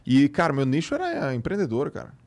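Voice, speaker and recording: A man's voice: on the high side, a little fast. A man in his late thirties with a Brazilian Portuguese accent, telling a story as a podcast guest in casual chat and acting out the dialogue. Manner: animated storyteller who acts out quoted dialogue.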